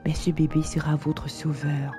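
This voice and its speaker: A woman voicing a male church pastor who gravely admonishes a couple, in an animated story. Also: fairly high pitch, moderate pace, faint music behind, voice pushed down, close to an everyday voice. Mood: solemn. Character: stern but merciful male church pastor.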